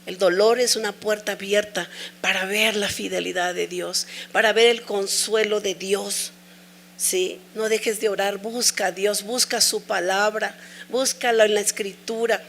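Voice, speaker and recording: A woman's voice: medium pitch, fairly even intonation, a little slow, vocal fry, fairly bright tone, slight background noise. A middle-aged woman preaching a sermon, sharing an emotional personal testimony with earnest, repeated pleas.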